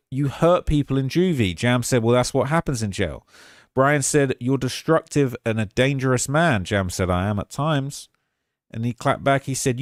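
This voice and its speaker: A man recapping courtroom testimony by reading his own notes aloud, pushing up his voice for the quotes and dropping it low for the asides. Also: dry recording, studio quality. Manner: relays quotes in a rising, emphatic tone, asides dropped low and quiet.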